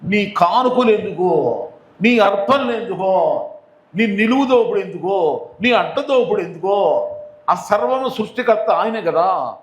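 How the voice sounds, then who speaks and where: High-voiced preaching man, echoey hall. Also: expressive, unhurried, pauses often. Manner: repetitive, emphatic preaching with call-and-response questions. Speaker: pastor. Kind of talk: Telugu sermon.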